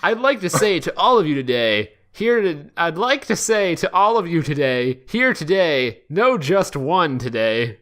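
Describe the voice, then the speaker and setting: A man's voice: a little high, big pitch swings, measured pace, hardly any pauses, fairly bright tone. A man voicing a blunt, self-important cartoon hedgehog hero from fan fiction, in declarative mock speeches. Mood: mock solemn.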